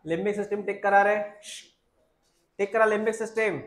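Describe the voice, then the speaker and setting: A man's voice: high voice, steady tone, moderate pace, reverberant. A male biology teacher lectures a class, drilling students with repeated questions and calling them "beta".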